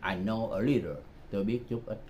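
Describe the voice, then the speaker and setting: A man's voice: on the low side, fairly quick. An older man gives a home-made language lesson, patiently repeating phrases to drill pronunciation. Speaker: language teacher. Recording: muffled home recording with background noise.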